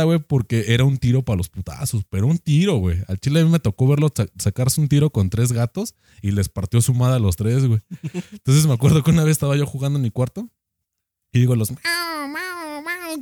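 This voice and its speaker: A young man with a Mexican accent telling a profane, animated anecdote in casual chat. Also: medium pitch, no room sound, clean studio sound. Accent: Mexican Spanish.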